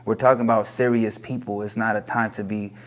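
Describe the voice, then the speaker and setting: A man's voice: on the low side, little pitch movement, a little fast. A man in his thirties from Los Angeles, a corrido singer talking earnestly and reflectively as a guest in a casual interview, now and then slipping into Spanish. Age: 30s.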